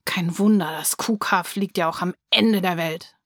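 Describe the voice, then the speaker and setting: A woman's voice: on the low side, measured pace, no room sound, studio quality. A woman voicing a sulky, defiant young girl who talks stubbornly and pouts, in a storybook reading. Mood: defiant sulking. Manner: stubborn, pouting.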